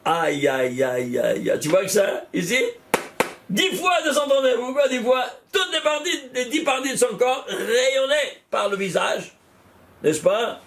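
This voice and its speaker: A man teaching a Kabbalah study class, animated, repeating numbers out loud and exclaiming in wonder as he questions his students. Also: extremely high pitch, unhurried, a little hiss or hum. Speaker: Torah teacher.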